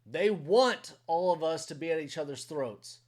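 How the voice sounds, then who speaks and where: A man's voice: fairly high pitch, expressive, moderate pace. A middle-aged man, a retired army veteran, hosting a reaction video and commenting earnestly in short emphatic bursts. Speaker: reaction channel host. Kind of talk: casual commentary.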